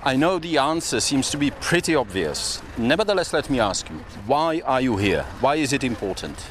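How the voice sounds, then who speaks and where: A man's voice: mid-range voice, very animated, moderate pace, noisy background. A man as reporter, conducting a street interview with conversational, probing questions.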